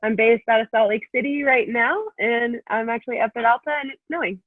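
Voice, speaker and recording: A woman's voice: on the high side, brisk, no room sound. Bubbly woman on a tinny call. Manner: lively, laughs easily, chatty. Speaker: panel guest, pro skier. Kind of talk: casual video-call chat. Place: indoors at home. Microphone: video call. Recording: tinny dry call audio.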